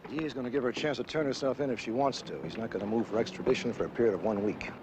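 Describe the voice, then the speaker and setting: A man playing a commanding, dryly wry police captain in a 1970s television crime drama, with a brisk, authoritative manner. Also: mid-range voice, very noisy, lightly acted. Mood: calm, reassuring. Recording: 1970s TV soundtrack with music.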